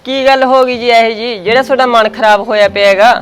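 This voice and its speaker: Quick Punjabi wife, reassuring. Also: female voice, fairly high pitch, steady tone. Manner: soothing, reassuring.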